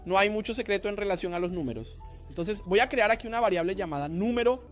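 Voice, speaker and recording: A man's voice: high voice, lively intonation, quick pace, faint music behind. A man teaching a coding lesson, explaining each step and asking rhetorical questions to the viewer. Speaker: programming instructor. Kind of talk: screen-recorded coding lesson.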